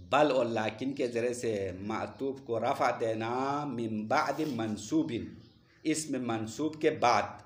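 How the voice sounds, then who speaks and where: A male teacher leading a classroom lesson. He explains step by step, quizzes his students and chants Arabic verses slowly. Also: medium pitch, reverberant.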